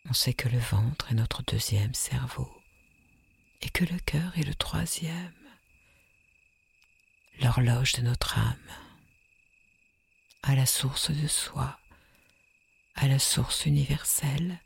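A woman leading a guided sleep meditation in a soft, soothing, breathy whisper with long hypnotic pauses. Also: very deep voice.

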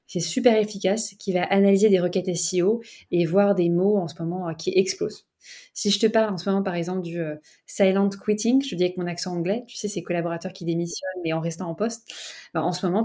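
A young woman, a startup cofounder interviewed as a guest, speaking casually and chattily and often saying "tu vois". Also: fairly low pitch. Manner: lively, chatty, peppered with "tu vois".

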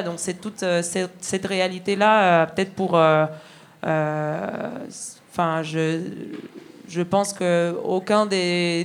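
A woman's voice: fairly low pitch, smooth. A woman from Argentina, a railway worker, speaking earnestly with lots of hesitations and restarts. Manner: many fillers and restarts, earnest. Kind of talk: hesitant spoken testimony.

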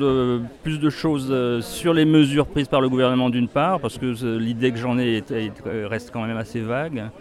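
A man in his fifties, a research scientist, answering a street interview outdoors in a measured, deliberate way with frequent restarts. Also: mid-range voice, a little mellow. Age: 50s.

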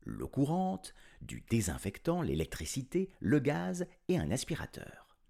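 A man telling a children's story in an animated, playful way, chuckling often. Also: low voice, gravelly, breathy edge.

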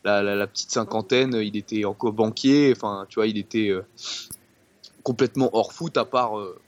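A man's voice: lowish voice, fairly even intonation, normal speed, muffled recording. A man, a guest football specialist on a casual podcast, rambling and repeating words. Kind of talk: casual sports podcast chat.

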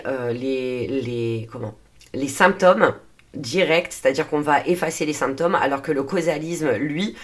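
A woman hosting a solo podcast, explaining her subject earnestly, with frequent hesitations and self-corrections and a dry throat. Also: low voice. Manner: earnest, steady delivery with frequent "euh" fillers and self-corrections. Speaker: podcast host and naturopathy coach.

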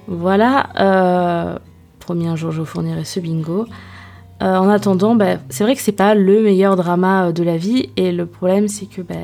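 A woman's voice: on the low side, steady tone, moderate pace, mellow, soft background music. A woman hosting a casual solo podcast, speaking in informal, slangy language with self-deprecating asides and searching hesitations. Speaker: podcast host.

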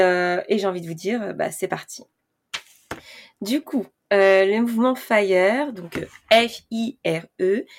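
A woman in her twenties hosting a podcast in a casual monologue, chatty, often pausing with fillers and restarting her sentences. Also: medium pitch. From France. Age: 20s. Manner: chatty, frequent hesitations and restarts. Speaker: podcast host.

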